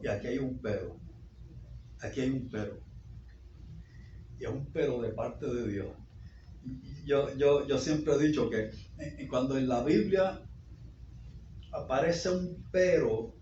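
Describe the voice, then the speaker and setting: A man preaching a sermon as pastor, repeating phrases and rising to sudden loud peaks. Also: mid-range voice, slight background noise. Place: church sanctuary. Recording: echoey dull church recording.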